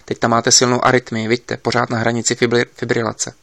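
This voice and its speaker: A man's voice: mid-range voice, completely flat delivery, gravelly, fairly bright tone, no room sound. A man reading an audiobook, voicing an insistent investigator giving urgent instructions over a line.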